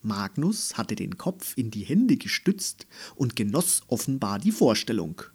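A man reading a children's story aloud in an expressive, storytelling manner. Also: medium pitch, slightly rough. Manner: slow, expressive storytelling with lively intonation. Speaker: narrator.

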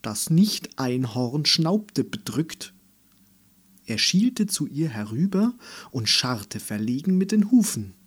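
Male narrator for a children's audiobook; calm, slow and slightly husky. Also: mid-range voice.

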